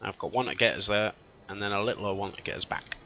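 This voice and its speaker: A man's voice: lowish voice, fast, pushed and bright, slight background noise. A man giving casual let's-play commentary, thinking aloud as he plays and often correcting himself mid-sentence. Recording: dull lo-fi recording.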